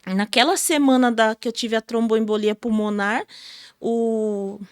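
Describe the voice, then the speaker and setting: High-voiced Brazilian woman giving testimony. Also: steady tone, unhurried, clean tone, dry recording, clean studio sound. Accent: Brazilian Portuguese. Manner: emotional storytelling, many fillers like "sabe?". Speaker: gospel singer, podcast guest. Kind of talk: testimony in a podcast interview.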